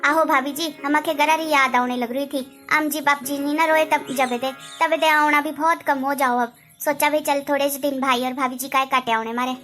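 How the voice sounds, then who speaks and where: A woman plays a young visiting sister in a homemade family drama, high-voiced, speaking. She is wounded and complaining, and faint music plays underneath. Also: fairly even intonation, normal speed, few pauses, bright, forceful tone. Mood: hurt. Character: hurt young married woman visiting her childhood home.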